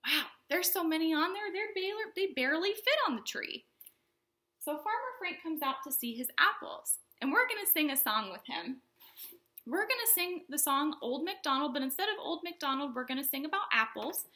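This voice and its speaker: A children's librarian hosts a storytime for little kids, her voice high and a bit fast. She teaches in simple words with a lively, sing-song delivery, tossing questions to her young viewers.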